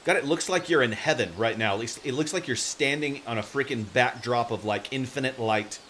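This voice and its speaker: A man livestreams from his home office, chatting casually and rambling, often trailing off when he loses his thread. He's a streamer and fiction writer with a medium-pitched voice and a slightly fast pace. Steady hiss and room noise sit under the audio.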